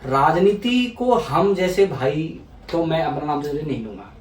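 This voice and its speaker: Brief: courteous male host, slightly high voice, recorded off-mic. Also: lively intonation, unhurried, distant mic, a little hiss or hum. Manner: polite, addresses guest as brother, frequent affirming "ji". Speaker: interview host. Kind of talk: conversational interview. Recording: echoey room, voice away from mic.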